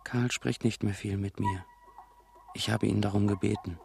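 A man reading a first-person literary text for an audio drama, in a quiet, reflective manner. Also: lowish voice, fairly even intonation, normal speed, creaky, breathy edge. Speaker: narrator. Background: music.

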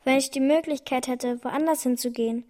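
Woman playing a high-voiced, earnest orphan girl. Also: steady tone, a little fast, darkish tone, lightly acted. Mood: frank, guarded. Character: young orphan girl, frank, proud and serious. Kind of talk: audio drama acting.

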